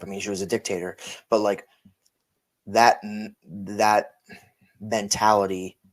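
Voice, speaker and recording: A tired man co-hosting a casual podcast chat, rambling and correcting himself as he goes. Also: deep voice. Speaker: podcast co-host.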